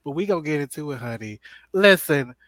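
A man's voice: a little high, animated, fairly quick, fairly bright tone, dry recording. A man with an American accent and a campy, theatrical drag queen manner, hosting a casual live-stream chat. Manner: campy drag queen, theatrical, calling listeners honey and darling. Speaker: host of a live stream talk show.

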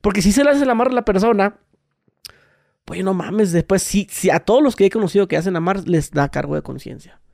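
A man's voice: sits high, a little fast, gravelly, no echo, studio quality. Man telling stories with crude slang. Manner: animated, crude slang, acts out voices. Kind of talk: casual chat, storytelling.

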